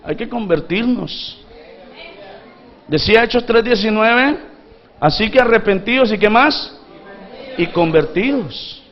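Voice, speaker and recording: A man's voice: sits high, animated, a little slow, pauses often, lo-fi sound. A man pastor from Honduras preaching a sermon, calling for responses from the congregation and acting out pleading voices from the story. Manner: acts out pleading voices from the parable.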